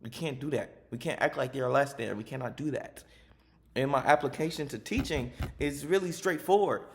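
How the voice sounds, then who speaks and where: A man's voice: medium pitch, brisk. A man who works as a teacher, giving a passionate, emphatic spoken personal reflection.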